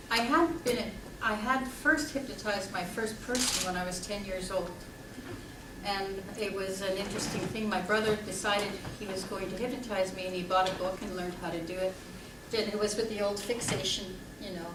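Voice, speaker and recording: A woman from Canada, born in Belgium, speaking chattily on a conference panel. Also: medium pitch. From Belgium, raised in Canada. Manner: chatty, laughs easily. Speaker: panelist, hypnotist. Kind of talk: panel talk. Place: conference hall. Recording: echoey hall, distant mic, background noise.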